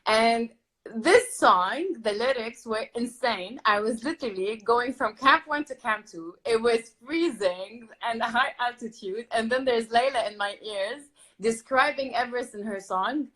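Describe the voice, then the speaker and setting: A woman's voice: on the high side, unhurried, fairly bright tone, rough recording. A woman hosting an online talk series over a video call, enthusiastic, with frequent "literally" and "uh". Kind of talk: interview host chat.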